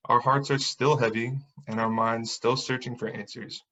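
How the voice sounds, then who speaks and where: A man giving earnest, measured prepared remarks in an online presentation. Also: mid-range voice, fairly even intonation, sharp tone, low-quality recording.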